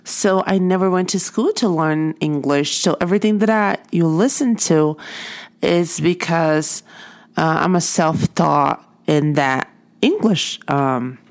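Speaking slowly in a low voice, a woman whose first language is Portuguese, and whose accent shows it, shares a personal story. It's an earnest, heartfelt motivational talk given as an artist and art teacher.

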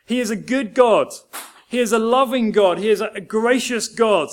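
A male pastor giving a sermon. His voice sits high for a man, and he works through his points by telling stories with earnest conviction. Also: moderate pace. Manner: earnest storytelling preacher.

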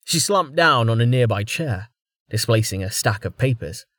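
A man reading a fantasy audiobook in a measured, even narration voice on a close mic. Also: mid-range voice, no echo.

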